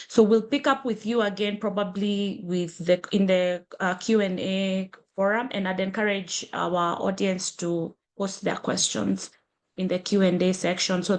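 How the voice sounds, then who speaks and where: A woman with a Kenyan accent moderating an online panel discussion over a video call. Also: medium pitch.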